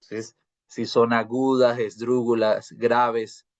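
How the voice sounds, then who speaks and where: A man's voice: mid-range voice, little pitch movement, takes it slowly, no echo. A teacher lecturing his class over a video call. He keeps the students with him through questions and little check-ins, restarting words as he goes. The audio is dry and slightly dull, like a laptop mic. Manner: asks rhetorical questions and checks in with "¿cierto?"; repeats and restarts words while explaining. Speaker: university teacher. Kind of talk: live online grammar lecture.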